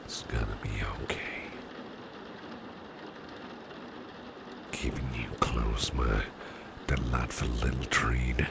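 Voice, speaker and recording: In a heavily acted ASMR personal-attention roleplay, a man voices a doting businessman boss who is reassuring, soothing and flirtatious. His very deep, gravelly murmur is breathy and half-whispered, level in tone, slow and tender, lulling with repeated reassurances and genteel phrasing, over a very noisy recording.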